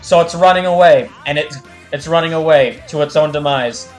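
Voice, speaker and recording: A streamer doing live fan dubs of a video game rambles enthusiastically through casual commentary, explaining the lore. His voice is fairly high and his speed normal, with music playing in the background.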